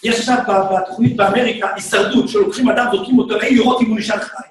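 Rabbi man, jokey class, yells now and then, far from the mic, big echo. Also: high voice, fairly even intonation, slight background noise. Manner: joking, shouting, bursts into loud exclamations. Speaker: rabbi teaching a Torah class. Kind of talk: animated Torah class. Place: synagogue hall. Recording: echoey room, speaker far from mic.

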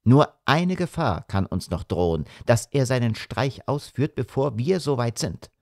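A man's voice: mid-range voice, lively intonation, measured pace, no echo. Intense commanding detective, read by a man, grave, urgent, dry read. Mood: grave hushed. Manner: grave, urgent, hushed to shouting. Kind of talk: audiobook character reading.

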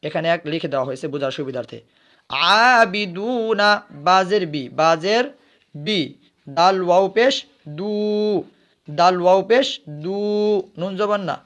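High-voiced man teaching recitation step by step. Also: lively intonation. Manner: asks questions and answers them himself; breaks words into letters and vowel marks, then chants them slowly. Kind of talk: spelling-out recitation lesson.

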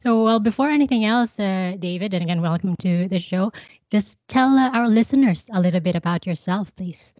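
A young woman from the Philippines hosting an interview over a video call, friendly and quick to laugh. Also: mid-range voice, darkish tone, dry recording. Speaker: podcast host. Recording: dry, dull lo-fi call audio.

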